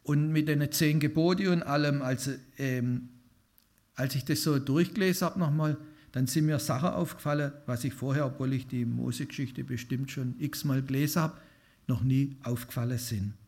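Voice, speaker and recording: A man's voice: mid-range voice, fairly even intonation, moderate pace, a little mellow. A man preaching an informal sermon to a congregation, talking conversationally and putting questions to his listeners. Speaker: lay preacher.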